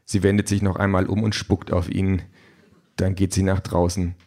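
A man narrating a story in an even, measured reading voice. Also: low voice.

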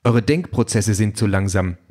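A man voicing an overeager, talkative male self-driving car that lectures in a bright, chatty way, reading an audiobook. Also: on the low side, moderate pace, close to an everyday voice. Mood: lecturing. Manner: brightly chatty, lecturing, flares into furious shouting.

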